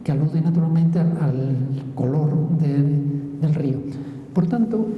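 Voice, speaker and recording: A woman's voice: sits low, lively intonation, a little slow. A woman giving a public lecture on place names, explaining step by step and checking in with the audience as she goes. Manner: explanatory, frequent checking tags. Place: lecture hall. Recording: roomy hall echo, dull lo-fi sound.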